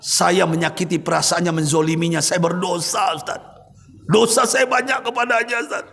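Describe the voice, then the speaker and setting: A man voicing a remorseful rich man in his seventies, confessing in a low pleading voice. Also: steady tone, normal speed, vocal fry, a bit bright. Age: 70s. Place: mosque hall. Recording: reverberant mosque hall.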